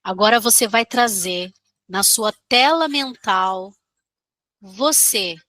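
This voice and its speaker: A Brazilian woman leading a guided meditation, giving soothing, gentle instructions with long pauses. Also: mid-range voice, no echo.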